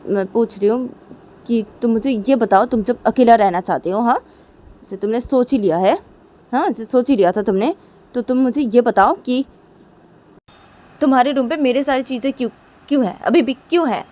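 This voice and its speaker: Pleading young woman asking forgiveness, voiced by a woman, higher pitch, repetitive questions, storytelling. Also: normal speed, pauses often, mellow, close to an everyday voice.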